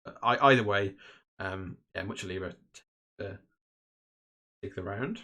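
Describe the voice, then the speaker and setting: A man's voice: deep voice, measured pace, sharp tone, breathy edge. A man hosting and commentating a live tabletop game stream in a casual, chatty way, with lots of fillers and restarts. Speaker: host and commentator.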